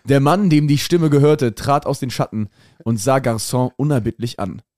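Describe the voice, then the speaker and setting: A man's voice: mid-range voice, moderate pace, darkish tone, dry recording, clean studio sound. Man reading a story aloud with drama. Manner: dramatic reading, laughing at the text. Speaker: podcast co-host reading a fan story aloud. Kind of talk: comic read-aloud.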